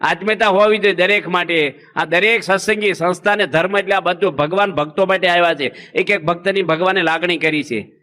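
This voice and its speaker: A man's voice: high-pitched, a little fast, sharp tone. A man, a monk giving a humorous sermon in a folksy style and acting out village anecdotes. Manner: folksy, acts out village anecdotes with quoted voices. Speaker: Swaminarayan monk preacher.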